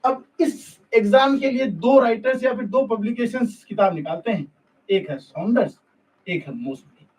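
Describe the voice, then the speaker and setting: Male exam coach on a live stream, candid and scolding, high voice, sits back from a lo-fi mic. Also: moderate pace, a little mellow, distant mic. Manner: blunt, scolding, talks directly to students. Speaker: nursing exam coaching teacher. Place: live online class.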